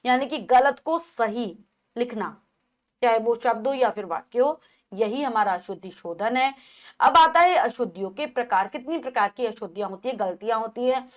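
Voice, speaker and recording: A woman from India teaching a grammar lesson to children, reading words aloud, repeating each one and explaining the correct spelling. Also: on the high side.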